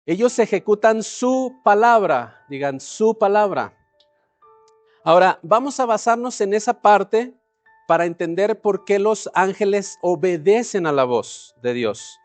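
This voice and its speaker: A man with a light, high voice delivers a sermon, unpacking scripture and posing questions to the congregation that he then answers himself, sometimes calling on them to repeat phrases. He speaks expressively and a little slowly, with soft music faint behind him and no room sound.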